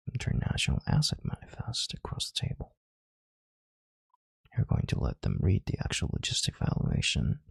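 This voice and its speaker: A man voices a domineering CEO in an intimate audio roleplay, using an extremely low, husky, gravelly voice with a breathy murmur and heavy vocal fry. His delivery is calm and coolly commanding, condescending yet tender, in a full character voice. The recording is close and dry.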